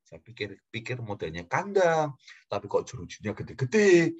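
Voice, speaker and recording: A man preaching to a congregation, telling a story in a lively way with frequent chuckles. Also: mid-range voice, moderate pace, husky. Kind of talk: sermon storytelling.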